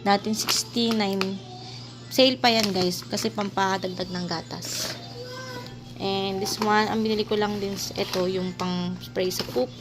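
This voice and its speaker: A woman's voice: mid-range voice, fairly even intonation, unhurried, music in the background. A woman chatting casually in a home vlog, showing her fridge and her groceries, switching between Tagalog and English. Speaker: vlogger. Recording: noticeable background noise.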